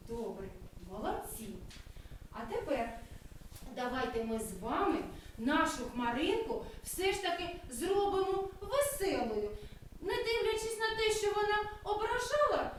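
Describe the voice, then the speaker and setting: A kindergarten teacher, a woman with a high, very lively voice, tells a story to small children in a sing-song, drawn-out way. She is heard from across a very echoey classroom, a little distant from the mic. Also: a little hiss or hum. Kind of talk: telling a story and leading a lesson for preschool children.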